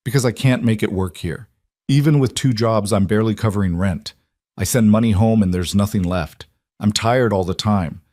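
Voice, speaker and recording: A worn-out young woman of twenty-nine speaks with weary strain, as a male narrator puts her on. Her voice sits low and dry, with no room around it. She sounds like a storybook reading. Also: moderate pace, a little mellow, dry recording, natural voice. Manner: weary, strained, pleading for realism.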